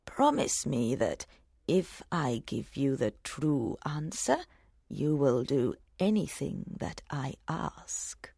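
A woman voicing an ugly, cunning old hag in a storybook reading, with a low, slow, drawn-out delivery. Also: sing-song, vocal fry, breathy edge, no room sound, studio quality, heavily acted. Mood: confident.

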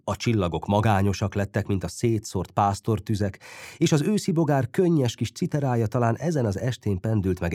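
A man with a lowish voice reads a novel aloud, his pitch swinging widely as he tells the story. The recording is close and bone dry, with no room sound at all. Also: no echo. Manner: expressive, lively storytelling. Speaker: audiobook narrator. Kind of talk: scripted narration.

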